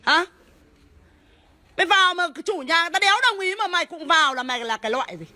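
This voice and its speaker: A woman, a homeowner shouting and swearing as she scolds police officers at her gate. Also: very high voice, fast. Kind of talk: heated real-life argument.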